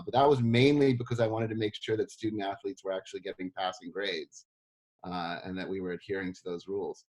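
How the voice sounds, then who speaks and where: A middle-aged man from South Africa, talking casually in an interview, relaxed and self-deprecating with many fillers. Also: on the low side. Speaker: history professor interviewed.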